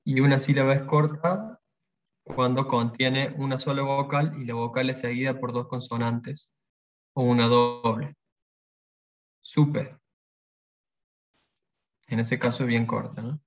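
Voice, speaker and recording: A man leads a pronunciation workshop. He talks in a calm, explanatory way and says each example word twice. His voice sits at a middle pitch, and the recording sounds muffled and lo-fi. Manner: patient, explanatory, pauses to repeat example words. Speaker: language workshop teacher. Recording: dull lo-fi sound.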